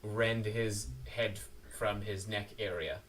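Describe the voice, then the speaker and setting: A man running a tabletop game as game master, narrating the action in a relaxed, halting way with many fillers. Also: on the low side. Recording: distant mic with faint noise.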